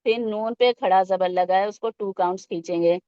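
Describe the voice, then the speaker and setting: A woman's voice: medium pitch, mellow, smooth, no echo. Woman teacher, patient and step-by-step, coaching kids through recitation with English words mixed in; dry, dull lo-fi recording. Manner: patient step-by-step explaining, asking the children questions. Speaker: Quran teacher for children. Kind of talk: tajweed lesson with slow recitation.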